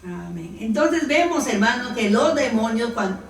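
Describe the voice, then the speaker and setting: A woman's voice: a little high, very animated, unhurried, slight background noise. A woman leading a Bible study who directs the group to verses and asks her listeners questions. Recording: roomy room, distant mic.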